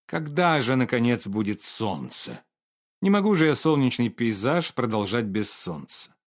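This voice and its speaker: A moody, irritable painter who snaps and groans in a storybook reading, as a male narrator plays him. His speech is exasperated and tense, with wide swings in pitch. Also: very animated, unhurried. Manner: exasperated, through clenched teeth.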